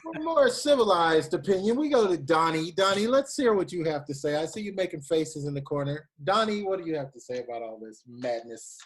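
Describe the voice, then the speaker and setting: A man's voice: fairly high pitch, expressive, a little fast, few pauses. A man hosting a talk show, asking his guests questions in a teasing, theatrical way. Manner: teasing, theatrical, sing-song asides.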